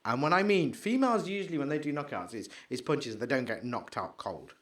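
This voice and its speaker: A man co-hosting a podcast, chatting excitably and rambling, trailing off into mumbles while he searches. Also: mid-range voice, fairly quick. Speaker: podcast co-host. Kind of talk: casual chat.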